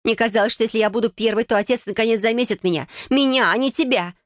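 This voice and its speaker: A haughty young cousin, smug and taunting, her voice pitched up high and bright, as a woman reader puts her on. She speaks in a dry, close recording with no room around it. The tone is steady, cutting mockery. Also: quick pace, no echo, lightly acted. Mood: bitter. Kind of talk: audiobook character voicing.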